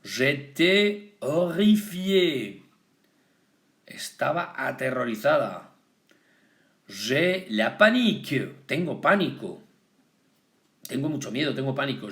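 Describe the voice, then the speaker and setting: Slow, lively-voiced man teaching vocabulary. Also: mid-range voice. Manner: slow, deliberate, switching between French and Spanish. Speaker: French teacher. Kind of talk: bilingual vocabulary lesson.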